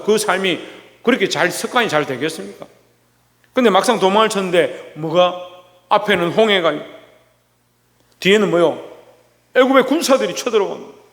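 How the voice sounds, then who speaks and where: A man's voice: high-pitched, a bit bright, big-room sound. A male pastor preaching a sermon. He asks rhetorical questions and repeats key phrases for emphasis.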